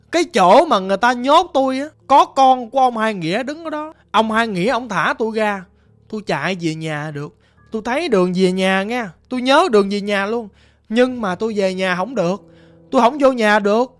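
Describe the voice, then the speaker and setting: A woman narrator with a Southern Vietnamese accent voices a vengeful young ghost, plaintive and rambling as she repeats her grievances. Her voice is a little high, and soft music drifts behind the storytelling.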